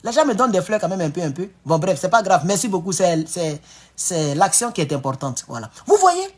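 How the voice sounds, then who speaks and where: A man giving excitable, emphatic political commentary on a live stream. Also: high-pitched, brisk.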